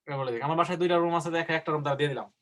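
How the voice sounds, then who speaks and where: A man with a fairly high voice teaches an online class. He explains at length and slows down carefully for English example sentences. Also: fairly bright tone. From Bangladesh. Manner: explains in Bengali, slowing down to model English sample answers. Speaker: IELTS teacher.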